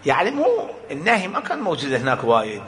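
Male preacher, somewhat high-pitched, animated storyteller with a sharp, bright tone. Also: fast talker. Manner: animated storytelling with acted-out quotes and rhetorical questions. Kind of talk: sermon to a congregation.

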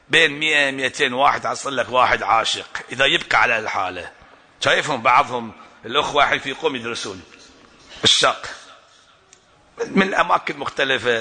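A man's voice: medium pitch, pushed and bright, long reverb tail. A man preaching a sermon at a religious gathering, building to rising, emphatic passion and chuckling often. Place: religious gathering hall indoors.

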